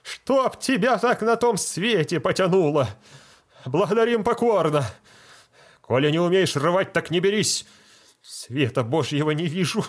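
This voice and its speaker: A man voicing a pleading, wailing village deacon with a bad tooth, in a high, strained voice. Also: normal speed, close to an everyday voice. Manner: pleading, then wailing and scolding.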